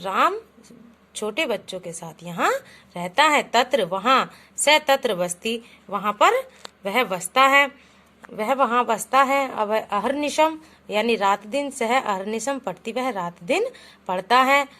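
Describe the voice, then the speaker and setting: Lady teacher going through sanskrit words w kids, kinda high voice, patient, reads then explains. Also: expressive, takes it slowly, pushed and bright. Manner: patient, calls the pupils "beta", reads each example aloud then translates it. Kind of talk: classroom lesson explaining Sanskrit words in Hindi.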